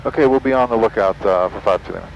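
A student pilot, a man, making brisk clipped radio calls to the tower over his headset from a small plane cockpit. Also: fairly low pitch, vocal fry, lo-fi sound, a little hiss or hum. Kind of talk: radio calls to air traffic control. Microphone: cockpit headset mic.

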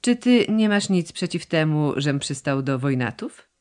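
A woman's voice: sits low, expressive, measured pace, darkish tone. A woman voicing a timid, lovesick young man who stammers and pleads hesitantly, in an audiobook. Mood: stammering.

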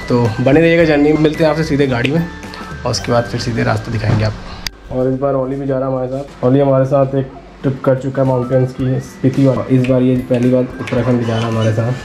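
A man in his thirties vlogging a road trip, chatting as he narrates the drive from inside his car. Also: medium pitch. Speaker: travel vlogger.

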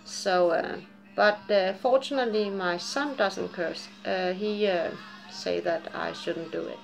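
Speaking at a measured pace in a creaky, mid-range voice, this forties vlogger from Japan and Denmark chats casually to camera in her dim living room. Her accent blends Japanese and Danish, and she rambles, laughs a lot and swears freely. Faint music plays behind the low-quality recording.

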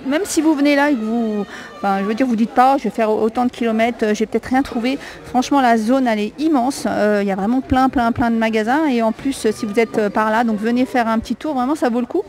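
A woman's voice: a little high, quick pace, darkish tone, rough recording. A woman with a non-native accent in French, chatting casually and hesitantly as she films a walk through a discount store, listing prices with many fillers. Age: adult with a young child. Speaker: shopping vlogger. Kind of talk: casual store walkthrough vlog. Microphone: handheld camera.

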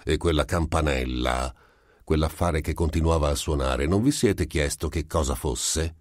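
A man reading the part of a sly, composed gentleman who probes with smooth, falsely apologetic questions. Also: rumbling low, unhurried, dry recording, clean studio sound.

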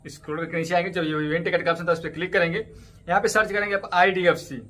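Rapid-fire and flat, a man in his thirties with a high, fairly bright voice talks casually to camera for his cricket ticket update channel. Standing before a green screen stadium backdrop indoors, he guides viewers through app steps in a tutorial vlog. He repeatedly asks them to subscribe and join his channels.

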